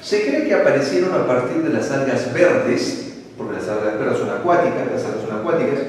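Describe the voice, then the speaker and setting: A man with a Peruvian Spanish accent teaching an online pre-university biology lesson, lively, asking questions and answering them himself. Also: medium pitch, a little fast, slight background noise. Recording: very echoey hall, voice from a distance.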